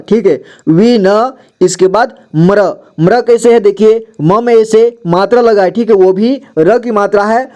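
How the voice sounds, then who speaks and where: A man's voice: high-pitched, dark tone. A man teaching reading; he says each word twice and spells it out syllable by syllable, in a patient, explaining way. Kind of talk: slow reading lesson, word by word.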